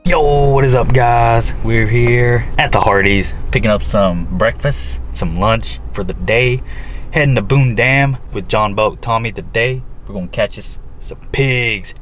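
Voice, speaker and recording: A young man hosting a casual fishing vlog outdoors on a lake, talking in a hyped, slangy, excitable way into an action camera. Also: mid-range voice, unhurried, faint music behind. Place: outdoors on a lake, in a kayak and boat.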